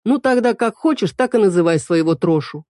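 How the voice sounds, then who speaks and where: Cheeky youth, offhand and teasing; low, mellow tone in a dry close sound, woman reader. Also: expressive, brisk, no room sound, lightly acted. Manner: mocking, offhand. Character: teasing young man, cheeky and joking.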